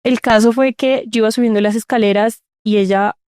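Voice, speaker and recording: A woman's voice: fairly high pitch, fairly even intonation, brisk, darkish tone, clear, resonant tone, no echo, studio quality. A woman, telling her own story in an interview, earnest and repeating words for emphasis. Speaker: interview guest. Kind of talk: personal storytelling in conversation.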